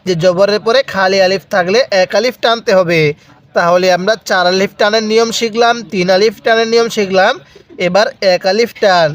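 High-voiced man teaching Quran reading. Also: fairly even intonation. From Bangladesh. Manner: spells out letters and drawn-out vowels slowly, has learners repeat. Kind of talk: step-by-step recitation lesson.

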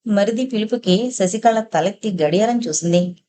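A woman narrating an audio novel in a calm, measured storytelling manner. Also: mid-range voice. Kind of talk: scripted narration.

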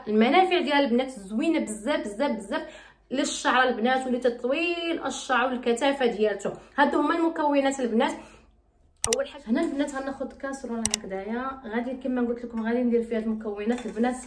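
A Moroccan woman with a Moroccan Arabic accent chats in a bubbly, repetitive way on her beauty vlog, casually explaining a recipe. Her voice sits high and rapid-fire in an echoey room.

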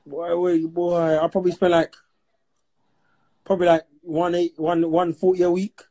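A man's voice: high-pitched, flat delivery, normal speed, warm tone. A man with a London accent, bragging and joking in slangy banter on a phone live stream.

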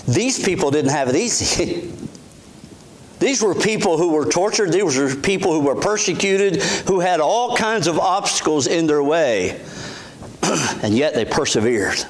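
A man's voice: fairly high pitch, expressive, a little slow, a little hiss or hum. A middle-aged man, a pastor giving a sermon in a church sanctuary on a lapel mic, speaking earnestly in a conversational way with frequent restarts.

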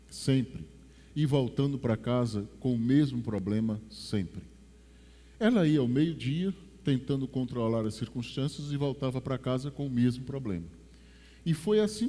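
A Brazilian pastor in his forties, speaking Rio de Janeiro Portuguese at medium pitch, preaches a sermon through a headset mic on a large church stage with a drum kit. He builds to strong emphasis, then drops to slow, hushed lines, all under long church reverb.

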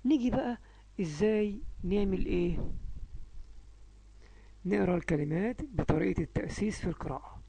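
رجل بلهجة مصرية يشرح درسًا في الصوتيات الإنجليزية لأطفال صغار، ويمدّ أصوات الحروف ببطء. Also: male voice, high voice, creaky, dark tone, slightly rough, low-quality recording. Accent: Egyptian Arabic. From Egypt. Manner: slow, drawn-out sounding of letters. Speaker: English teacher for young children. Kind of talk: phonics lesson.

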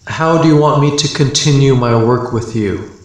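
A man deliberately asking questions aloud to an unseen listener, as host of a spirit box session. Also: mid-range voice, noisy background. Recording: very echoey room, handheld phone video.

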